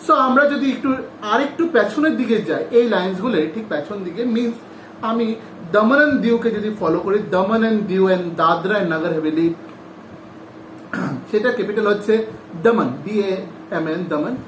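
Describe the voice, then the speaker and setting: A man's voice: sits high, moderate pace. A male teacher giving a class lesson, who repeats each name, spells it out letter by letter and asks the class questions. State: sweating. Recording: echoey room, faint noise.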